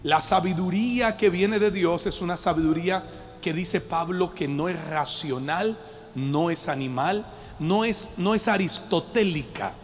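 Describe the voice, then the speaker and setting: A male pastor teaching from the Bible in an emphatic sermon style, his voice pitched a little above the usual for a man. He calls out to the congregation in a church hall with a long echo, and soft music plays faintly underneath. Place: church hall with a live audience.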